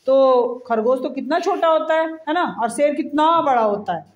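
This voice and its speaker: A woman telling a fable to a child, gently explaining and asking the child questions along the way. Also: high-pitched, lively intonation, moderate pace, lo-fi sound. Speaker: storyteller to a child. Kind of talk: storytelling to a child. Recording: roomy echoey room.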